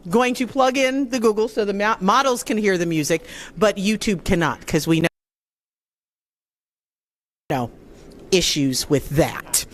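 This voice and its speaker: A woman hosting a live event off the cuff, chatty and casual as she improvises for the guests. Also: medium pitch. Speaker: event host.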